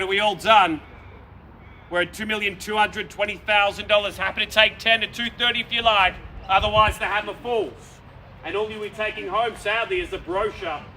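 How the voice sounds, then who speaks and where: A man with a high voice runs a live street auction, projecting emphatically and repeating the bids. He is picked up from a distance, with clear street noise around him. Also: sharp tone. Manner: projected, emphatic, repetitive bid calling. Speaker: property auctioneer. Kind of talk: live auction calling to a crowd. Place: outdoors in a residential street. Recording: distant mic, noisy street with vehicles.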